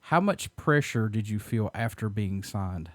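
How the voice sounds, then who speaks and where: A man's voice: on the low side, lively intonation, measured pace, dry recording, studio quality. A man hosting an interview show, upbeat and reading out prepared questions to his guest. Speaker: host.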